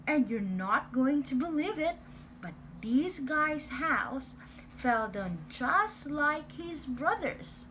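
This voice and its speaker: A woman's voice: high-pitched, lively intonation, slow pace, a bit bright, a little hiss or hum, exaggerated voice, low-quality recording. A woman voicing a sly male wolf who tells his own side of a storybook tale in a playful, exaggerated way. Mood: self-justifying. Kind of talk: storybook reading.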